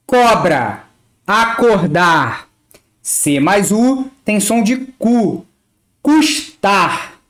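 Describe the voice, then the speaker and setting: Woman teacher, Rio accent, very slow and deliberate, lively pitch, spelling out letters and words one by one. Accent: Rio de Janeiro Portuguese. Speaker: language teacher. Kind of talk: slow, careful pronunciation lesson.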